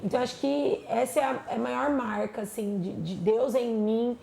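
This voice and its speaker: A woman, a pastor chatting on a podcast, animated and acting out the voices she quotes. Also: a little high, normal speed, vocal fry. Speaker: pastor and psychologist guest. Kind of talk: casual podcast chat. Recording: echoey room with faint noise.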